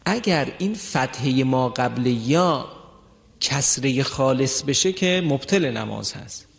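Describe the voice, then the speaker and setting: A man teaching the rules of Quran recitation, drawing out his example words slowly and deliberately. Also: medium pitch, lively intonation, gravelly. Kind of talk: tajweed lesson with recited examples. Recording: long hall reverb.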